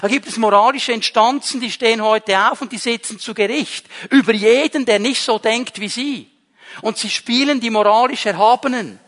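A man's voice: very high voice, normal speed, fairly bright tone, long reverb tail. A man with a Swiss German accent, preaching a sermon as pastor, emphatic and repeating key phrases. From Switzerland.

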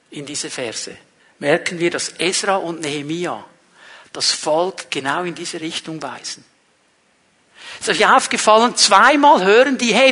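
High bright-voiced male preacher. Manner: earnest, emphatic, shifts between loud and soft. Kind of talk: sermon.

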